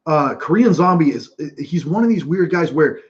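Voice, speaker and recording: A man hosting casual live fight commentary from home, telling stories in a rambling, animated way with many restarts. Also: on the high side, moderate pace. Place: home room watching fights. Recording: dull lo-fi sound.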